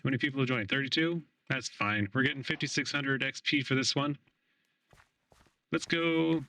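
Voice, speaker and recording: A man's voice: medium pitch, normal speed, pushed and bright, recorded from a distance, low-quality recording. Man streaming through a voice changer. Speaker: game streamer. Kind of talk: casual live-stream chat with viewers.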